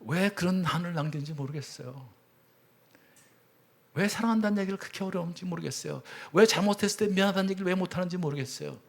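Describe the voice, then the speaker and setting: A middle-aged man preaching a sermon as a church elder, telling stories with sudden swings between loud cries and hushed words. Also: high voice, fast talker, vocal fry. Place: church sanctuary.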